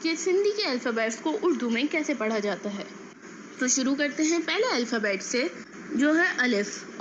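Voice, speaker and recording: A woman's voice: high voice, fairly bright tone, lo-fi sound, a little hiss or hum. A woman teaching a lesson, patiently repeating each sound and asking the viewer questions. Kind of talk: explaining an alphabet lesson.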